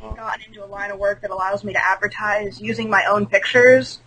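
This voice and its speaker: A woman's voice: mid-range voice, fairly even intonation, quick pace, fairly bright tone, poor audio. A woman in her twenties, a podcast guest on a video call, talking candidly and laughing often. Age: 20s. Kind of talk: casual podcast chat. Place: at home on a call.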